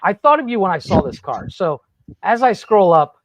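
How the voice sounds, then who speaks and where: A man hosting a casual podcast, telling rambling, profane stories in an animated way. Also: sits high, moderate pace, slight background noise, low-quality recording. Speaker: podcast host. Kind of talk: casual storytelling chat. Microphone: podcast studio mic.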